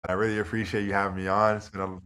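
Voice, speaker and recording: Deep-voiced man, relaxed guest. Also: rapid-fire, soft background music. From Toronto, Canada. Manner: relaxed and reflective, leans on "you know" and "like". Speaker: guest, pro basketball player. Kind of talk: casual interview.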